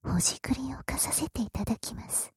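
A woman voicing a polite, ladylike older sister in a castle in a whispered role-play, speaking in a breathy voice close to the ear. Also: sits high, a little fast, a little mellow, dry recording. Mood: soft, devoted. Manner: courteous, formal ladylike speech. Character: polite noble older sister, doting on hero.

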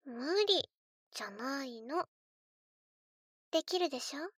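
A woman's voice: high voice, lively intonation, slow pace, a bit bright, no echo, clean studio sound, heavily acted. A woman voicing a spoiled, eerily sweet little girl in a scripted role-play, cutesy and coaxing as she speaks to the listener as if to her doll. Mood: insistent, coaxing. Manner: cutesy, coaxing, childlike, refers to herself in third person.

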